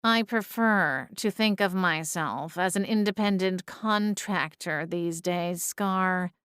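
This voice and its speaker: A woman voicing a gruff, dry, sardonic male talking cat in an audiobook. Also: on the low side, slow, a bit bright, no room sound. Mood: snarky. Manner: dry, snarky. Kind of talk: audiobook character voice.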